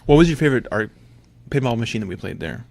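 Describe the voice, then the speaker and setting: Animated man telling excitable stories. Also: mid-range voice, fast, vocal fry, no echo. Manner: animated, excitable storytelling with loud outbursts. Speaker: podcast co-host. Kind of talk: casual podcast chat.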